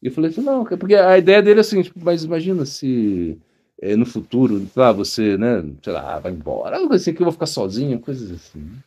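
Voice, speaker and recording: A man's voice: medium pitch, animated, fast talker, warm tone, husky, highs cut off. A man, a monk, giving an informal spiritual talk, telling rambling anecdotes and acting out the people he quotes, often laughing. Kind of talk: informal spoken discourse with anecdotes.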